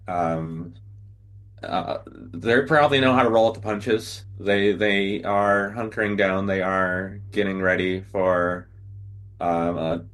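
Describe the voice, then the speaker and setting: A man speaking haltingly as a guest in a casual podcast discussion. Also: sits low, a bit bright.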